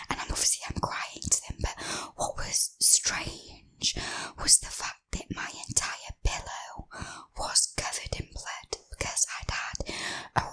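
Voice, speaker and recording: Whispering woman telling ghost stories. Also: low-quality recording. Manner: soft confiding whisper, slow and drawn out. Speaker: ASMR host. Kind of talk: whispered ASMR storytelling.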